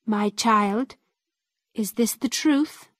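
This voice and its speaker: A woman voicing a stern male judge who asks questions slowly in a storybook. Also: fairly high pitch, fairly bright tone, no room sound, studio quality. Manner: slow, measured questioning.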